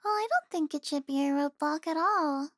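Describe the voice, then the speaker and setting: A woman playing a teasing girlfriend, very high. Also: moderate pace, no room sound, studio quality. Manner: teasing, soft, with frequent sighs and giggles. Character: affectionate teasing young adult girlfriend. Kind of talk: intimate audio roleplay.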